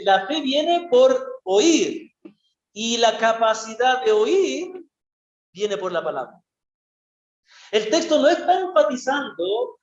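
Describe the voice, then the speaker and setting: A man preaching a sermon as a missionary, earnest and conversational, often asking rhetorical questions and repeating key phrases. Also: very high-pitched. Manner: conversational, asks the congregation frequent rhetorical questions. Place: church. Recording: echoey, dull lo-fi church recording.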